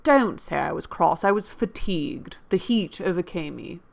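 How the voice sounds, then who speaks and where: A woman reading as a gallant, teasing young gentleman. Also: fairly low pitch, expressive, moderate pace, creaky.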